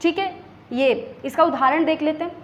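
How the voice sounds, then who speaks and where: A woman's voice: sits high, moderate pace, reverberant. A woman teacher giving an exam-prep grammar lesson. She explains each point step by step, asks rhetorical questions and answers them herself, and keeps saying "okay" as she moves between points. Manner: repeats "okay" to pace points.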